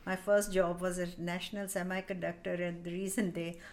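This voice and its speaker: A woman with a Pakistani accent, an artist chatting casually in a group and telling lively stories with frequent laughter. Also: on the low side, brisk. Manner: lively storyteller, laughs often. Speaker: artist and guest.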